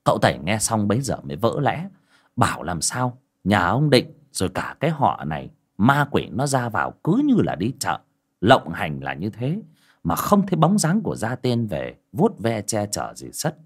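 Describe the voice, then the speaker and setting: A male audiobook narrator. His intonation is lively and rises and falls as he tells a spooky folk tale. The narration is scripted and steady. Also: on the low side, normal speed, slightly rough. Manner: storytelling with expressive rises and falls.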